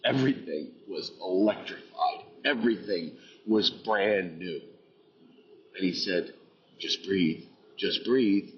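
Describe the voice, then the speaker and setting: A man's voice: sits low, muffled recording. A man earnestly recounting a personal experience, intense and reflective, repeating phrases for emphasis.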